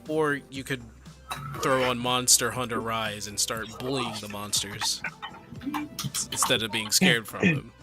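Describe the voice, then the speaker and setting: A man's voice: mid-range voice, a little slow, over music. A man hosting a casual gaming podcast, joking around and laughing often. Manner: jokey, laughs often between lines. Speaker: podcast host.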